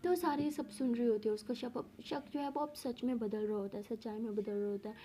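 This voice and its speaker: A woman storyteller narrates a love story with a soft, mellow tone. Her voice sits fairly high, and she shifts expressively into the voices of her characters. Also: fairly quick, a little hiss or hum.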